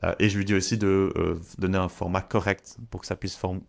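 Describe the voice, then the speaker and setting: A man walking viewers through a software tutorial in a chatty, direct way. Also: low voice, flat delivery, brisk, vocal fry. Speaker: tutorial creator. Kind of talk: screen-share software tutorial.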